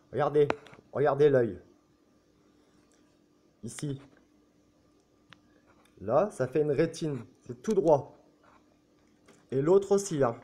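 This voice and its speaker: A man with a notably high voice for his sex talks straight to his viewers in an excitable, insistent way. He repeats himself, keeps seeking their agreement, and lets casual swear words slip out. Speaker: video blogger. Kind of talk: casual talk to camera.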